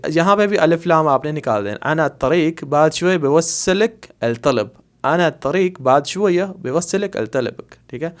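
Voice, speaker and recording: A man with a Pakistani Urdu accent teaches everyday phrases in a relaxed, conversational way. His voice sits a little high for a man. He says each phrase slowly, repeats it, and keeps asking whether the listener is following. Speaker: Arabic language teacher. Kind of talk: casual spoken language lesson.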